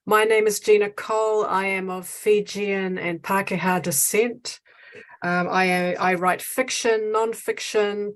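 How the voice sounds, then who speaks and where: Brisk woman author introducing herself. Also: medium pitch.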